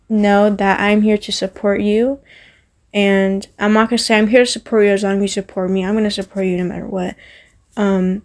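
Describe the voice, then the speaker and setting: A woman's voice: mid-range voice, vocal fry, darkish tone. A woman YouTuber giving her viewers an earnest, rambling heartfelt message, repeating herself for emphasis. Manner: rambling with many fillers. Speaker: Roblox YouTuber.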